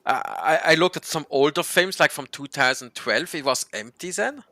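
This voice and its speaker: A man hosting a casual chat, halting and restarting often as he explains local words. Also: fairly high pitch, animated, pushed and bright, no room sound. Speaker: host.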